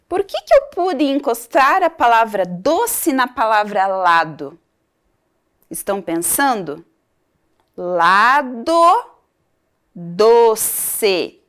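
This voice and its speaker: A woman teacher with a Brazilian Portuguese accent giving a recorded video lesson to young children, stretching out words and syllables slowly. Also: on the high side. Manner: slow, sing-song, spells out syllables.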